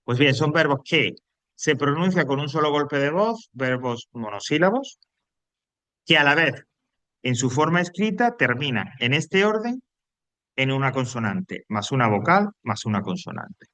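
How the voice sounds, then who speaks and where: A man explains English spelling rules at an even, mid-range pitch, patiently going over each step more than once. His first language is Spanish, and the recording is dry, with no room echo. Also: measured pace. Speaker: English teacher. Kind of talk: recorded online grammar lesson.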